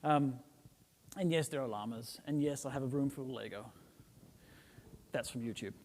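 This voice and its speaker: A man's voice: medium pitch, moderate pace, darkish tone, a little hiss or hum. Joking Danish-born man in a reverberant hall. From Denmark. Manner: chatty and joking, with frequent "right?" tags and "um" fillers. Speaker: conference speaker. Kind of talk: casual conference talk. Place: large conference hall.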